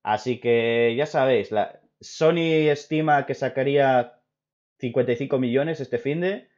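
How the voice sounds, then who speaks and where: Young man, Spain Spanish accent, excitable and rambling, mid-pitched, dull lo-fi recording. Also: measured pace. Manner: excitable, rambling, many restarts. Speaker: video host. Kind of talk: casual opinion chat with a friend.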